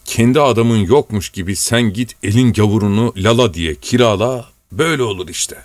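A man's voice: on the low side, moderate pace, no echo, natural voice. A man voicing a devoted old male servant who scolds, frets and pleads tearfully. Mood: scolding. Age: older. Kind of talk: audiobook character voice.

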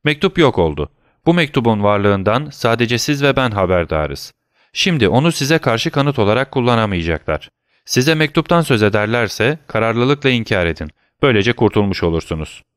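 A man's voice: mid-range voice, sing-song, moderate pace, no room sound, clean studio sound, natural voice. A man voicing a shaken, secretive middle-aged male prosecutor who speaks curtly and commandingly, then turns persuasive. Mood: urgent.

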